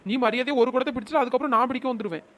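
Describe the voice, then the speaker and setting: A woman's voice: sits high, a bit bright. A woman voicing a scheming young village woman who stirs up quarrels at a water tap, speaking in a cartoon comedy. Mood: coaxing. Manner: scheming, scolding, quick village banter. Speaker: cartoon storyteller voicing the schemer Chinna Ponnu.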